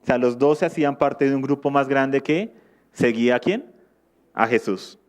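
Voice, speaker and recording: A man's voice: mid-range voice, moderate pace, clean tone. A male preacher teaching from the Bible in a sermon, reading scripture aloud and asking his listeners questions before answering them.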